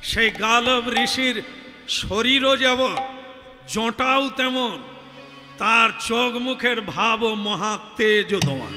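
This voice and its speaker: High-voiced male kirtan preacher telling stories. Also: slow. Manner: folksy, teasing, addresses devotees directly. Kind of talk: devotional storytelling sermon. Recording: reverberant hall with music.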